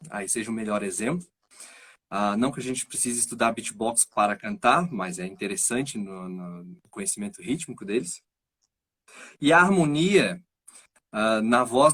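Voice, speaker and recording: A man's voice: mid-range voice, a bit bright, breathy edge. A man hosting a live stream, a speech therapist explaining his ideas and checking in with "right?" as he goes. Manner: thinks aloud, frequent "né?" and "certo?" tags.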